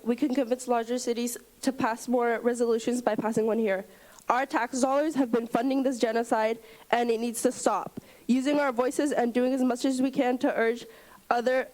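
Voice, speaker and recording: A woman's voice: fairly high pitch, a little mellow, poor audio. Firm, sincere woman at the podium. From California, USA. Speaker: public commenter. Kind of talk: prepared public comment speech. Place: city council chamber.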